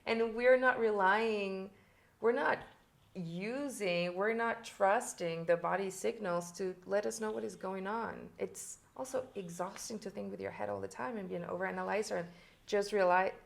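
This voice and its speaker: A woman's voice: medium pitch, fairly even intonation, normal speed, creaky. A woman who works as a somatic intimacy coach, explaining her work in an earnest way during a casual conversation.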